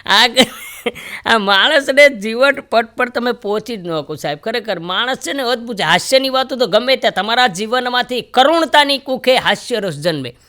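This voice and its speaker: Bright-voiced male stand-up comedian. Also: very high voice, moderate pace. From Gujarat, India. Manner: animated storyteller who acts out each character's lines. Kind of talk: Gujarati stand-up joke telling. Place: stage in front of a live audience.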